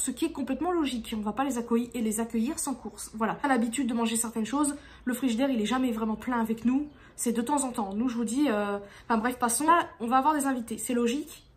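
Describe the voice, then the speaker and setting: A woman's voice: fairly high pitch, fast, hardly any pauses, a little hiss or hum. A woman vlogging to her viewers in a casual, exasperated way, rambling with frequent restarts. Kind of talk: casual venting vlog.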